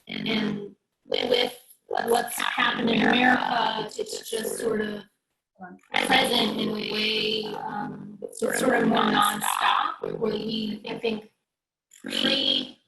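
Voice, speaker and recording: A woman's voice: a bass voice, wildly swooping pitch, slow pace, gravelly, sharp tone, faint music behind. Woman with a garbled, robotic-sounding mic. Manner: hesitant, searching for words. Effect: garbled robotic audio from a bad mic. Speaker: participant asking a question. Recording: distorted, distant, echoey call audio.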